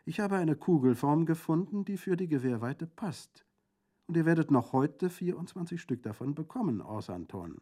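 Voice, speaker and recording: A man's voice: fairly high pitch, expressive, moderate pace, dark tone, pitched above the performer's own voice. A man reading the part of a fierce, proud young Corsican woman who speaks earnestly and insistently. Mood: gentle.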